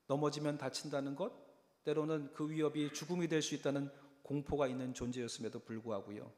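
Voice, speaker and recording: Emphatic pastor in an echoing church. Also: male voice, on the high side. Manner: emphatic, addressing the congregation directly. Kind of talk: sermon. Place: church sanctuary. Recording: echoey church hall reverb.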